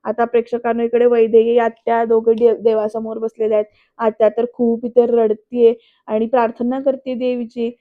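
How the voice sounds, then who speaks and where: A woman narrates a TV serial recap in a high, level voice that barely rises or falls. She walks through each scene in turn and talks straight to her audience. The recording sounds dull and lo-fi. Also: level tone, moderate pace. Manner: retells scenes step by step, addressing viewers directly. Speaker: TV serial reviewer. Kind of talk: voice-over episode recap. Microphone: voice-over, not recorded in the pictured place. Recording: dull lo-fi voice-over.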